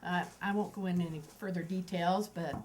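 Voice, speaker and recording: A woman's voice: lowish voice, a little fast, slight background noise, rough recording. An older woman, a mother of eleven, casually telling family stories with lots of laughter, acting out the children's quoted voices. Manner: lively, laughs often, acts out the kids' quoted voices.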